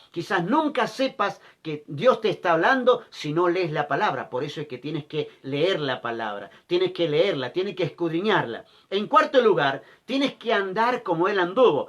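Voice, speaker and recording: High-voiced male pastor preaching. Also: animated, normal speed, hardly any pauses, fairly bright tone. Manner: repeats key phrases and asks rhetorical questions. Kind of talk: sermon.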